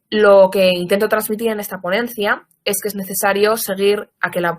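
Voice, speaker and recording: Answering chat questions during an online lecture, this lower-voiced female teacher delivers a training talk. She speaks in a measured way, explains carefully, and now and then corrects herself.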